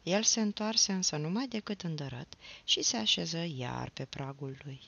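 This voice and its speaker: A woman reading a novel aloud as an audiobook, in a measured storytelling manner. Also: low voice, expressive, gravelly, a bit bright, muffled recording. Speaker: audiobook reader.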